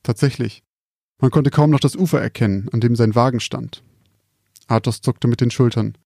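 A man calmly reading out a scripted spooky story in a measured, quiet storytelling manner. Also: medium pitch, vocal fry, no room sound, studio quality.

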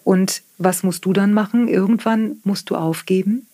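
A woman with a German accent, an author and therapist, explaining her ideas in a podcast interview, often tagging sentences with "ne?" and pausing on "ähm". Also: medium pitch, fairly even intonation, warm tone, no echo. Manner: reflective, tags sentences with "ne?"; frequent hesitation fillers. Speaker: author and guest; therapist working with clients.

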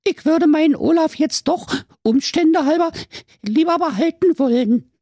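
A narrator voicing a dim-witted, frantic young mother with a Berlin accent in a squeaky, shrieking voice. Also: unhurried, darkish tone, no room sound, clean studio sound. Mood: sobbing.

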